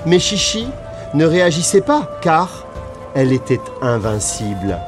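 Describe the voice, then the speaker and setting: A man narrating a children's storybook in a lively read-aloud style. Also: on the high side, unhurried. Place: recording studio. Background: background music.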